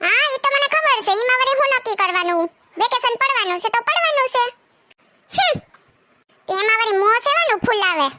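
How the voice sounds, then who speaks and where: Man doing a stingy husband, grumbling, defensive, high bright voice, comedy skit. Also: expressive, fairly quick, slight background noise, exaggerated voice. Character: stingy, evasive young husband.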